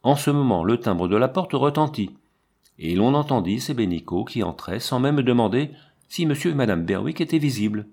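A man giving a measured, expressive narration of a literary audiobook. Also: medium pitch, husky.

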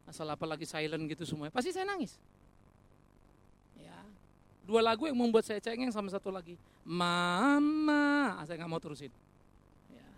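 A medium-pitched, gravelly voice delivers a sermon, calling the congregation brothers and sisters. The preacher is animated and rhetorical, slipping joking asides in among earnest points.

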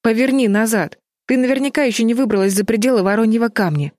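A woman's voice: a little high, quick pace, a little mellow, no echo, clean studio sound, pitched above the performer's own voice, natural voice. Woman doing an anxious, stern older girl. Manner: stern, pleading. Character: girl, anxious sensible sister, stern and pleading.

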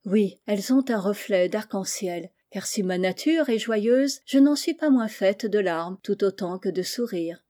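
A woman's voice: mid-range voice, expressive, measured pace, hardly any pauses, dark tone, natural voice. A woman reading an audiobook voices a tiny winged fairy spirit with a sweet, coaxing manner. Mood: gentle.

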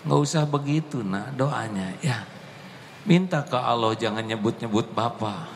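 A pious, firm father, as a preacher puts him on, speaks gently and patiently. His unhurried words echo through a reverberant hall with faint ambience. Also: medium pitch, expressive, slight background noise.

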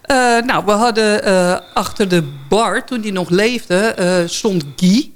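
A woman sits in a radio studio as a guest, spinning anecdotes in relaxed, chatty fashion. She stumbles and restarts often, her tone lively. Her voice sits at an ordinary middle pitch. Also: takes it slowly. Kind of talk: casual storytelling chat.

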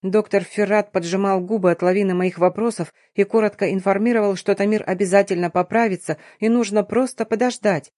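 A woman reading a first-person romance audiobook in a measured, intimate way. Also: mid-range voice, steady tone, a little mellow, no room sound, clean studio sound. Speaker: audiobook narrator.

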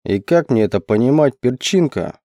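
A man voicing a huge, gruff and domineering forest man who speaks slowly and low in commands. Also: lively intonation, mellow, no echo, lightly acted. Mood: stern. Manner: slow, low, growling commands.

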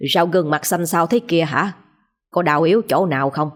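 A woman's voice: low-pitched, moderate pace, natural voice. A woman voicing a stern yet caring older man who owns a workshop, speaking. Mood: concerned. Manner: stern but caring, paternal.

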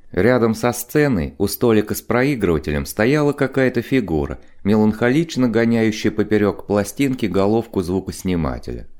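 A man narrating an audiobook in an expressive, dramatic reading style. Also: fairly low pitch. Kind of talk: scripted narration.

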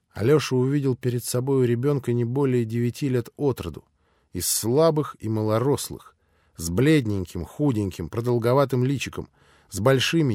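Measured male audiobook narrator. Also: medium pitch, dry recording, clean studio sound. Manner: measured, expressive. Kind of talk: scripted literary narration.

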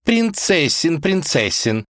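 A man's voice: on the high side, slow, no echo, studio quality, pitched above the performer's own voice, full character voice. A man voicing a playful, mischievous young princess with a wheedling manner. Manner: wheedling, lively.

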